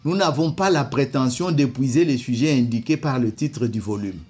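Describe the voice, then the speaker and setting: Faint music sits behind a man reading from an old document and offering slow spoken commentary on it; he is not a native French speaker and hesitates, repeating many words. His medium-pitched voice is darkish and slightly rough, moving at normal speed.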